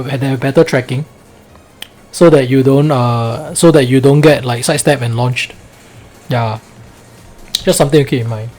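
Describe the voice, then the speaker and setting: A man's voice: medium pitch, darkish tone. A man with a Singlish accent, coaching a fighting game in a casual, colloquial way and often checking with "right?".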